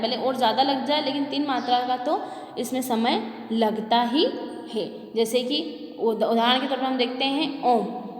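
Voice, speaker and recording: High-voiced woman teacher, echoey room. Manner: asks questions then answers them, repeats terms. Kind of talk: classroom lesson explanation. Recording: echoey room with long reverb.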